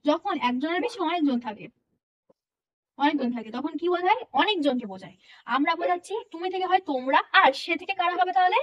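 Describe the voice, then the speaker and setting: A woman's voice: high-pitched, fairly bright tone. A young woman patiently explaining English grammar in a lesson, often checking that her listeners follow. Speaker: English teacher.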